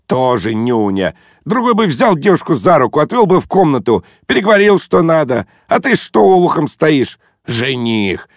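A man voicing a brash, overfamiliar man who teases and shouts in bursts, in an audiobook reading. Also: mid-range voice, animated, unhurried, creaky, no echo, clean studio sound, voice pushed up. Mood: cheeky, brash. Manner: boisterous, teasing, shouty bursts. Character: brash overfamiliar loud man, mocking, pushy.

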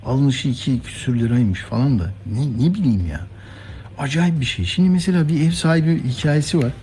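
A man's voice: medium pitch, fairly quick, mellow, a little hiss or hum. A man hosting a news show, giving informal, rambling conversational commentary.

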